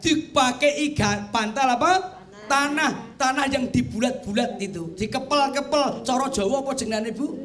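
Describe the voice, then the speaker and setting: A man's voice: very high voice, moderate pace, a crowd in the background. A man with a Javanese accent preaching a humorous sermon as kyai, chatting with and teasing his audience. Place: TV studio with audience. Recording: audience noise behind.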